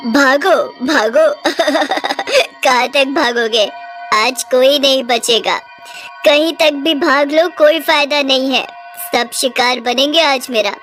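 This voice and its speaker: A woman's voice: high-pitched, slow, fairly bright tone. A woman voicing a menacing, hungry female witch with a gloating, cackling manner in a storybook cartoon. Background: music.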